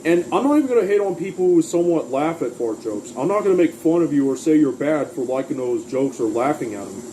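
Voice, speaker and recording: Man, cartoon reviewer, very dark mellow tone, slightly high pitch, rambling recap, faint hum behind. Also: lively intonation, fast talker, poor audio. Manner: rambling plot summary with quoted lines. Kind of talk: casual episode recap.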